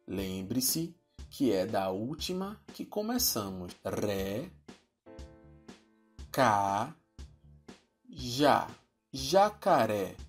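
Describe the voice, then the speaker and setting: A man voicing a cheerful virtual teacher with a Brazilian accent, explaining a lesson to children and slowing down to spell out words. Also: medium pitch, husky, heavily acted. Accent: Brazilian Portuguese. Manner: upbeat, addressing children, slows to spell out words.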